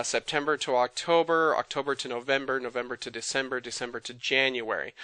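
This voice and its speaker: An excited man pitching a business opportunity on a web presentation, rattling through his points quickly and eagerly. His voice sits a little high and sounds bright and crisp. The sound is dry and close. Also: no echo. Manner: excited, fast-talking, salesy. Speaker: webinar presenter. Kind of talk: enthusiastic sales presentation.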